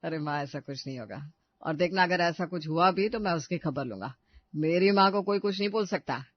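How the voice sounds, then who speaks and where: A woman voicing a young husband in an animated family story, defensive and placating between his wife and mother. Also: on the low side, brisk, no echo, close to an everyday voice. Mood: arguing. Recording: dry, slightly dull studio recording.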